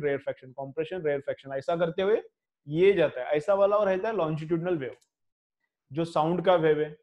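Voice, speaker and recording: A man in his thirties with an Indian English accent, teaching physics to a class, dictating headings slowly and asking questions that he answers himself. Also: on the high side, lo-fi sound.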